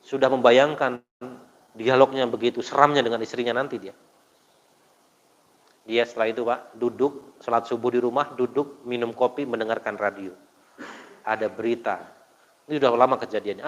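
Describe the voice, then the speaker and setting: A preacher man in a reverberant hall. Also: mid-range voice. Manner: storytelling with rhetorical questions to the congregation. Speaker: Islamic preacher. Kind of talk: mosque study sermon. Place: mosque hall. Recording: dull, long hall reverb.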